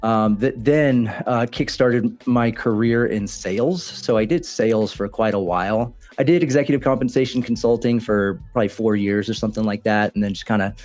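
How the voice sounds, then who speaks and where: A man's voice: mid-range voice, darkish tone. A man from Texas talking casually as an interview guest, easygoing and laughing often over a home mic on a video call. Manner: easygoing, many fillers and restarts, laughs often. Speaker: guest trader.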